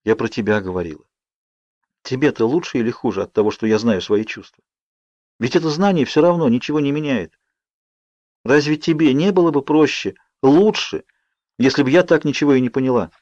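A man's voice: mid-range voice, a little fast, pauses often, darkish tone, no room sound, pitched above the performer's own voice, natural voice. Storybook role: male reader doing a distraught teenage girl, strained and pleading, lo-fi. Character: anguished teenage girl, guilty and tearful. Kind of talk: audiobook reading. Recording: dull lo-fi audio.

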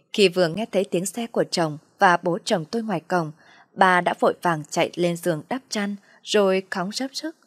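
A woman narrating a first-person family story in a calm, reflective way. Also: on the low side, no room sound, clean studio sound.

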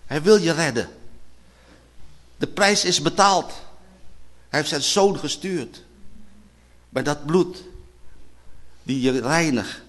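A man with a Dutch accent preaching a sermon, addressing brothers and sisters, repeating key phrases and swinging between loud declarations and quiet, low passages.

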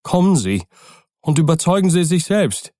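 A man's voice: a little high, very animated, moderate pace, mellow, no room sound, studio quality, pitched above the performer's own voice. A man doing a frightened old servant. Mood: fearful. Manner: agitated, pleading. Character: frightened old male servant, trembling and anxious.

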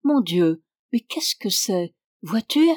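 A woman reading aloud voices a gentle peasant man of about fifty, coaxing and reassuring a frightened child. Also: mid-range voice, expressive, slow, no room sound, studio quality. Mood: soothing. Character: gentle fifty-year-old peasant man, tender and soothing.

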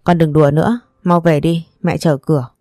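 A woman's voice: deep voice, steady tone, a little fast, dark tone, no room sound, studio quality, lightly acted. A woman voicing a middle-aged mother who nags and scolds her son. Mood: scolding. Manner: nagging, scolding.

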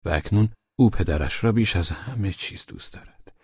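A man narrating a novel as an audiobook in a measured, even manner, close to the mic. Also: sits low, slightly rough, no room sound, dull audio. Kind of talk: scripted literary narration.

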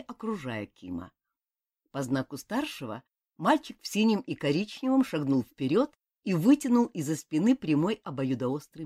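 A woman reading a fantasy novel aloud as an audiobook narrator, telling it expressively. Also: mid-range voice. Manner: expressive storytelling. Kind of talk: scripted narration.

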